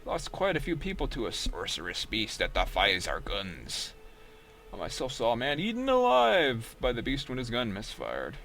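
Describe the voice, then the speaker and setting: A man's voice: mid-range voice, wildly swooping pitch, moderate pace, gravelly, fairly bright tone, exaggerated voice. A man voicing a stern male camp gatekeeper who lays out the rules in a matter-of-fact way, reading game dialogue.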